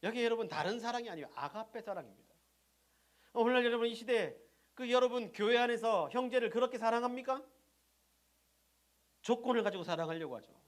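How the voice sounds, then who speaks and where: A middle-aged pastor delivers a sermon, posing questions to his congregation and answering them himself. He shifts between loud emphasis and soft, low asides, speaking fairly quickly with frequent pauses.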